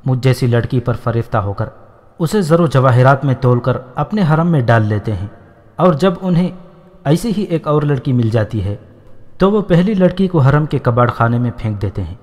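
A man's voice: medium pitch, lively intonation, darkish tone, natural voice. A man reading the lines of an innocent, playful young woman in a storybook, in a simple, artless manner. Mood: earnest. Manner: simple, artless speech with quick wit. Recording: long hall reverb.

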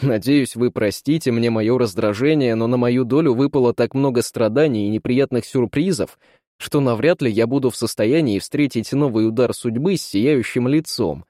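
A man playing a bewildered, proud young gentleman, who speaks in a measured, ironic way in a read-aloud story. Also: mid-range voice, dry recording, clean studio sound, natural voice. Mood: tense.

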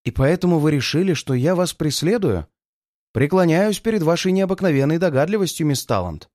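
A cocky young detective who jokes and needles the villain even while tied up, as a male reader plays him. His voice rides a little high and lively in a dry, close recording. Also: a little fast, no echo, close to an everyday voice. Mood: sarcastic. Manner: sarcastic, laughing.

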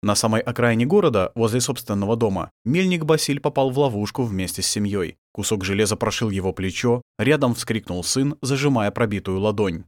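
A man reads an audiobook with dramatic expression and a lively, varied pitch. The sound is dry and close, with no room around it. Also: a little fast, hardly any pauses, dry recording. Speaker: audiobook narrator. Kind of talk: scripted narration.

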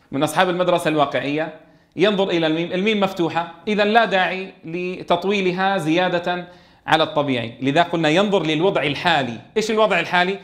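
Quick, high-voiced teacher. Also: male voice. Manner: lively, asks students questions and answers them himself. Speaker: Quran recitation teacher. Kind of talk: classroom lesson on tajweed rules.

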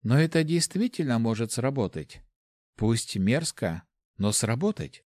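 A man voicing a calm, reluctant young woman in a storybook reading, speaking softly and measured. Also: mid-range voice, dry recording, studio quality.

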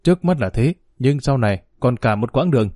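A man voicing a stern old father who scolds his wife in a gruff, rising voice, with a mellow tone. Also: mid-range voice, expressive, a little fast, no echo, studio quality, lightly acted. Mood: wry.

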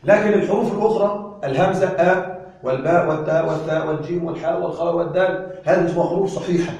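A male grammar teacher lecturing a class with a fairly high voice. He keeps firing questions at the room and answering them himself. His voice sits far back in a very echoey room.

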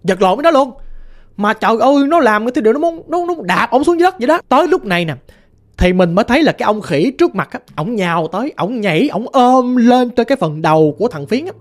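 A woman telling a ghost story in a lively, vivid way with a Southern Vietnamese accent. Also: fairly high pitch, fast talker. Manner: lively, vivid, sound-effect words.

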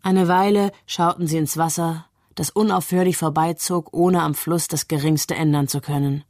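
Calm, low-voiced woman reading a story. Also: moderate pace, no room sound, studio quality. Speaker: narrator. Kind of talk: literary reading.

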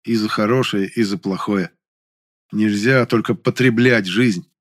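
A man narrating a first-person audiobook in an even, weary, matter-of-fact way. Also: fairly low pitch, measured pace, no room sound, studio quality.

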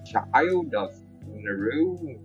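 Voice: mid-range voice, lively intonation, very slow, a little mellow, lo-fi sound, soft background music. A player voicing a regretful retired male celebrity who stammers and hesitates. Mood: hesitant regret.

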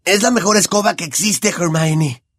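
A man voicing an excitable, impatient teenage boy in an audiobook, eager and boisterous. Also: high-pitched, normal speed, no room sound, clean studio sound, voice pushed up.

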